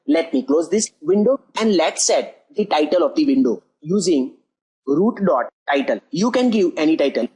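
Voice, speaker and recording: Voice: mid-range voice, a little mellow, husky, low-quality recording. A coding tutor talking through a screen-recorded programming lesson step by step, often repeating "as you can see over here".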